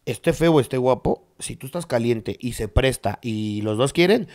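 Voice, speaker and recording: Lively young Mexican man, crude jokes. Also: mid-range voice, moderate pace. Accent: Mexican Spanish. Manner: crude, animated joking. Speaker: podcast co-host. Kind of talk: casual comedy chat.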